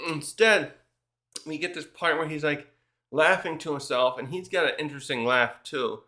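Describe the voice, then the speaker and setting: A man's voice: a little high, normal speed, bright, forceful tone. A man casually recapping a manga chapter, rambling with restarts and fillers as he reads out what the characters say. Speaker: manga reviewer.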